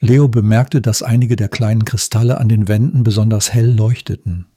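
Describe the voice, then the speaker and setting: A man reading a children's story aloud in a calm, measured way. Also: lowish voice, dry recording, clean studio sound.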